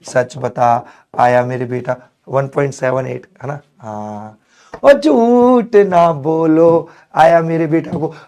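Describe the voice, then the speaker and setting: Man, hoarse voice, chemistry teacher, unhurried delivery, playful, coaxing. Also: medium pitch, darkish tone. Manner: playful, coaxing, affectionate with students. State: hoarse, strained throat. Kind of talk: live online exam-prep class.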